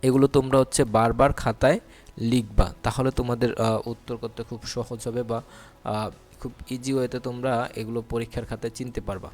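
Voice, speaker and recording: A man's voice: medium pitch, fairly even intonation, a little fast, a little mellow. A man leads an exam-prep grammar lesson in a mid-range voice. He walks through each point step by step, asking questions and answering them himself. Faint music plays underneath. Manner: explains step by step, asks and answers his own questions. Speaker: teacher.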